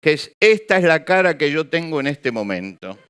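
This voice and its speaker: A male preacher speaks to a congregation. His voice is fairly high for a man, smooth and resonant, and it moves freely up and down. He keeps the room with him through rhetorical questions and acted-out examples. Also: very animated, moderate pace, a bit bright. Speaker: pastor. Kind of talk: sermon. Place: church or hall with an audience.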